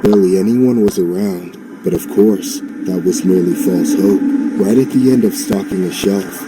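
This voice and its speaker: Deep-voiced man narrating a horror story. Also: very noisy. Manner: measured, steady first-person storytelling. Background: music.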